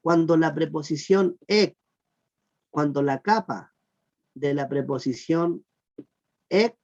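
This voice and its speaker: A teacher giving an online class on Greek verb grammar, patiently repeating "look" and asking the class whether it is clear. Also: medium pitch, a little mellow. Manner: patient, repeats "miren" and "fíjense" often; asks the class check questions. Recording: muffled lo-fi recording.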